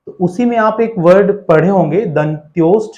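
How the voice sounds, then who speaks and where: A man with a fairly high voice teaching an exam-prep lesson. He keeps asking little questions and answering them himself, switching between Hindi and English. English passages are read slowly, word by word, before he explains them. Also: warm tone, muffled recording. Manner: mixes Hindi and English, asks and answers his own questions.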